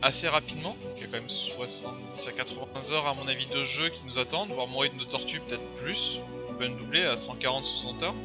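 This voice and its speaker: A man's voice: medium pitch, fairly even intonation, brisk, few pauses. A man giving casual, rambling let's play commentary. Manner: chatty, rambling, filler-heavy. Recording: dull lo-fi voice over game music.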